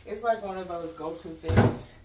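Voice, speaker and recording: Chatting in a homespun, informal style, an American woman unpacks groceries for her vlog audience. Her voice is fairly low-pitched at a moderate pace, captured by a distant mic in an echoey space with noticeable background noise.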